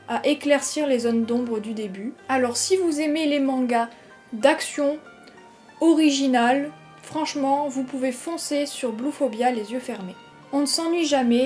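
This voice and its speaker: Woman, high-pitched, chatty manga review vlog, enthusiastic, faint music underneath. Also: darkish tone. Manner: chatty, enthusiastic, confiding asides. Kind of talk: casual video review.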